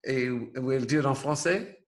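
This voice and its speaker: A man hosting a casual chat, halting through French with many fillers. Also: medium pitch. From Ireland. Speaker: podcast host.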